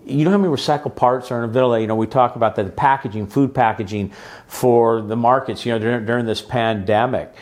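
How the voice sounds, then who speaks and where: A man's voice: mid-range voice, quick pace, darkish tone. Chatty middle-aged male podcast host. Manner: chatty, upbeat, asks lots of questions. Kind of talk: casual interview chat.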